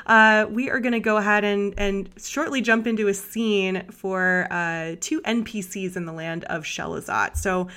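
A woman's voice: mid-range voice, steady tone, moderate pace, few pauses, bright, forceful tone, smooth. A woman hosting a casual podcast chat, gushing and enthusiastic. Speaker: podcast host.

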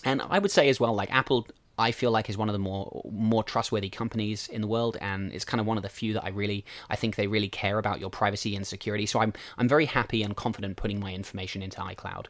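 Low-voiced man hosting a solo podcast. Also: fairly even intonation, quick pace, few pauses, a bit bright, dry recording. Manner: casual, explains step by step with fillers. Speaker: podcast host.

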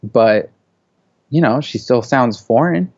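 Here the same thirtysomething guest, a media creative born in Saudi Arabia and brought up in the US, sounds animated yet takes things slowly, with a medium pitch and a darkish tone. His casual interview answers are loose and full of "like" and "you know." There's no room sound, and the quality is lo-fi.

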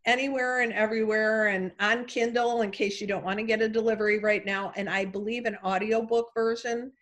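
Middle-aged woman with a Chicago accent. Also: a little high. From Chicago area. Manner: relaxed, many "um" pauses. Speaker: author and guest. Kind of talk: casual interview chat.

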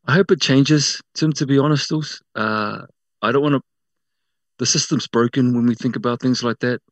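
A man from South Auckland with a New Zealand accent, telling personal stories casually as an interview guest, often halting and correcting himself. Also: medium pitch, no room sound. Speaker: interview guest working in media.

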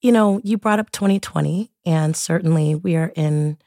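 A woman hosting a podcast in a casual, colloquial way, her voice husky after laryngitis. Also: sits low, moderate pace, dry recording, clean studio sound. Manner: relaxed, colloquial, lists things in rhythmic runs. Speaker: podcast host.

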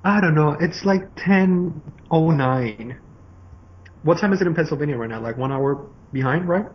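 A man's voice: on the high side, animated, normal speed. A man from Venezuela with a Venezuelan Spanish accent and rolled r's, chatting casually as a podcast guest in a rambling, joking way. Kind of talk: casual chat. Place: remote call. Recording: dull lo-fi call with some noise.

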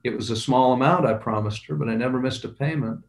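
A man's voice: mid-range voice, vocal fry. An older man, a guest, earnestly recounting his early struggles in business. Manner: earnest, unhurried recollection. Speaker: guest entrepreneur. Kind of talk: personal storytelling. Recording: roomy echo.

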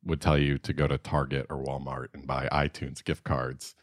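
A man with an exceptionally deep voice, recorded dry without room echo. He banters casually as a co-host, joking and pausing to find his wording. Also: level tone. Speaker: podcast co-host.

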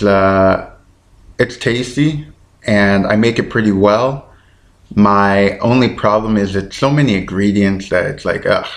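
A man hosts his own podcast alone, talking in a relaxed, rambling way as if thinking out loud. His voice sits a little low. It sounds like a home podcast mic. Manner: rambling and easygoing, thinking aloud. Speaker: podcast host. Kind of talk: casual solo podcast chat.

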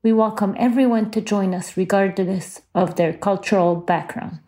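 A woman's voice: mid-range voice, normal speed, dark tone. A woman from Lebanon, a guest speaking earnestly in a personal reflection. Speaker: network member guest.

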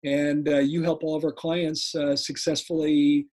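A man in his sixties speaking conversationally as an interview guest and coach, deliberate and repeating key points. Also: on the high side, flat delivery, darkish tone. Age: 60s. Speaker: podcast guest, dental practice coach.

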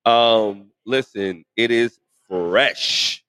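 A man's voice: lowish voice, very slow, a bit bright, no echo. A man co-hosting a live podcast from a taproom, playful and teasing, hyping up the crowd. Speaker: podcast co-host. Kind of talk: lively live podcast banter. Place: restaurant taproom, live show.

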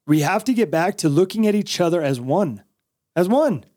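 Higher-voiced American man, emphatic podcast talk. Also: expressive, normal speed, warm tone, dry recording, studio quality. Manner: emphatic, repeats points, casual swearing. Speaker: podcast host. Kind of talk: casual opinionated podcast talk.

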